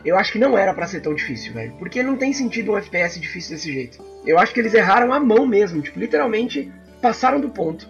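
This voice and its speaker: A man, co-hosting a casual chat about video games, animated and full of restarts. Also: high voice, quick pace, vocal fry, hardly any pauses, soft background music. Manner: animated, frequent fillers and restarts. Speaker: podcast co-host. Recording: slightly dull lo-fi sound.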